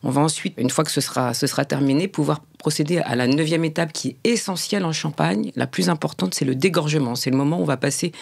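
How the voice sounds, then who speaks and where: A woman with a gravelly, slightly husky voice talks through a process in an interview. She stumbles and restarts her phrases often, repeating small words as she searches for the right term. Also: deep voice. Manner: halting, frequent restarts. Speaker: champagne producer. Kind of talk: explanatory interview talk.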